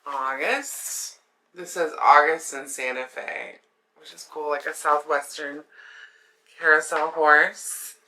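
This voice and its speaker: Bright, swollen-throated woman chatting. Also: low voice, takes it slowly, poor audio. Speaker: craft video host. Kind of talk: casual chatty haul vlog.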